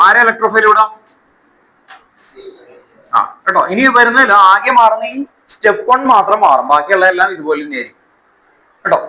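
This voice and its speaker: A man's voice: sits high, bright, forceful tone, rough recording. A man with a Malayali accent teaching a school lesson step by step, mixing Malayalam with English technical terms and repeating key words with check questions. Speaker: chemistry teacher.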